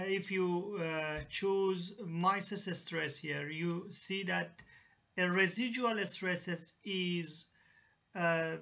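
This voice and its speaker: Man, slow halting tutorial, lots of uh and restarts, lo-fi voice-over. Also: a little high, creaky, sharp tone. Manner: halting, many fillers and restarts. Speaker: engineering software tutor. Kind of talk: screen-recorded software tutorial. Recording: dull lo-fi voice-over.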